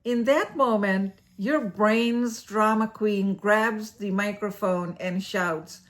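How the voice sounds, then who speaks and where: A woman's voice: medium pitch, takes it slowly. A woman hosting an educational series, narrating a scripted explainer in a playful, theatrical way and laughing at her own jokes.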